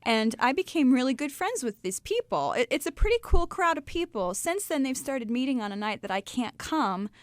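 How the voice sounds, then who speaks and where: A young woman from Ohio telling her faith story to a live audience in a lively, chatty way. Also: sits high, normal speed, hardly any pauses, no echo. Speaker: speaker telling her testimony.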